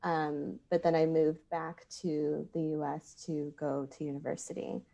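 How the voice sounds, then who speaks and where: Podcast guest: a woman in her thirties, from Thailand, low and warm-toned, earnest and measured with frequent "um" pauses. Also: level tone, gravelly, highs cut off. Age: 30s. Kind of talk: podcast interview.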